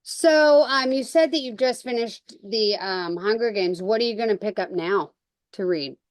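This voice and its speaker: A woman's voice: medium pitch, dry recording. Exclamatory woman host, dry close sound. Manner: casual and exclamatory, quick to react. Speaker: podcast host and bookshop owner. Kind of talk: casual conversation.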